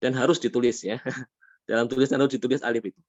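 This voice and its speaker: A man teaching a tajweed class, patient, asking his students questions and drawing out Arabic words slowly. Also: mid-range voice, steady tone, no room sound, lo-fi sound. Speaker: Quran recitation teacher. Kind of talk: tajweed lesson.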